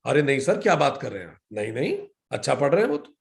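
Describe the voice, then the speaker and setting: A man's voice: medium pitch, wildly swooping pitch, fast, vocal fry, pitched below the performer's own voice. A male teacher acting out a flustered adult male client who politely protests and keeps saying sir. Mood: protesting.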